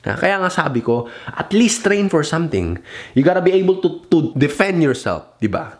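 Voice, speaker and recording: This young man's voice is fairly high and very animated at a normal speed as he shares offhand advice on his vlog. Switching between Tagalog and English, he swears freely, does impressions of people, and loosely wanders until he loses his thread.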